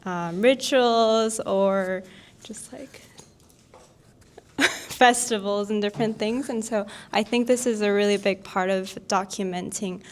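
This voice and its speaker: A lively woman from Taiwan co-hosts a live podcast talk in a classroom. Her voice sits at a mid pitch and she keeps it loose and conversational. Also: slow. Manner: lively, laughs between words. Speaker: podcast co-host. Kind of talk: unscripted talk to a live audience.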